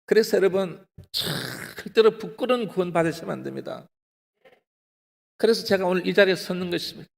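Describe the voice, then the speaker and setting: In an echoing prayer retreat hall with long reverb, a pastor speaking with a Gyeongsang Korean accent delivers a testimony sermon. His high, lively, creaky voice moves briskly yet pauses often, and he animatedly addresses the congregation again and again, acting out his own eager pleading.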